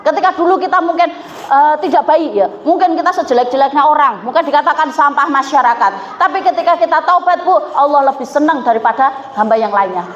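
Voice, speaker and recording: A woman's voice: sits high, brisk, a little hiss or hum. A woman preacher, giving a conversational sermon, often questioning her listeners and acting out quotes. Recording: echoey hall, dull lo-fi sound.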